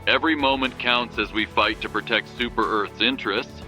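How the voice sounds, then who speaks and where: A man's voice: mid-range voice, fairly even intonation, a little fast, sharp tone. A man playing a grave, urgent wartime radio news anchor, reading a scripted bulletin in a rousing manner. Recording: music behind the voice. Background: music.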